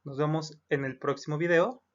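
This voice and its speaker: Patient teacher, higher voice, dull lo-fi sound. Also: male voice, fairly even intonation, moderate pace. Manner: patient, repeats examples with Spanish translations. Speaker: English teacher. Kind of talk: explaining grammar to students. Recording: dull lo-fi recording.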